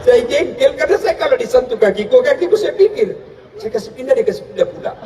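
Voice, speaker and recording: A man giving a humorous sermon as a preacher, telling stories in a lively way and breaking into shouts for punchlines. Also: very high voice, quick pace. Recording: echoey room, distant mic, crowd and noise.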